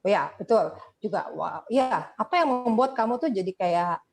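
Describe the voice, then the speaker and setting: A woman's voice: mid-range voice, animated, normal speed. A woman from Indonesia co-hosting a podcast in casual chat, talkative and laughing often, with English words mixed into her speech. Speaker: podcast co-host.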